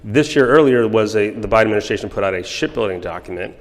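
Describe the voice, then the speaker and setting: A man with a fairly low voice asks his questions in a chatty style, slipping in jokes and quick asides. His voice echoes with a long reverb from a large hall. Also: animated. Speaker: interviewer. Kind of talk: conversational interview questions.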